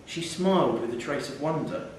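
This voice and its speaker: A man with a fairly high, lively voice reads a scripted short story aloud at normal speed during a live theatre reading. The recording comes from a distant mic in an echoey hall, with faint noise.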